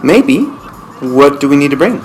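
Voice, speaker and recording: A woman voicing the partner in a lesson dialogue, in a slow, lowered voice. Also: very animated, darkish tone, faint music behind, heavily acted, poor audio. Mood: casual.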